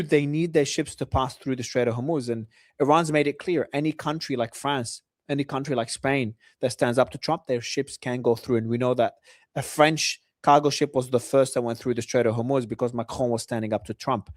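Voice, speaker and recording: A man's voice: mid-range voice, fairly quick, no echo, studio quality. A man hosting a live talk show, reading out news updates and giving his own predictions. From Australia. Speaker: host.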